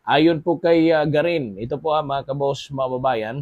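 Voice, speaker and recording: A man's voice: on the high side, normal speed, dry recording, narrow, tinny audio. A man with a Filipino accent giving casual news commentary as a show host, constantly addressing his audience and using many fillers.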